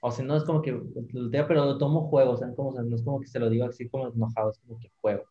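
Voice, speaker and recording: A man with a Mexican Spanish accent talking in a relaxed, slangy casual chat with lots of fillers. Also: medium pitch, rapid-fire. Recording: slightly dull lo-fi audio.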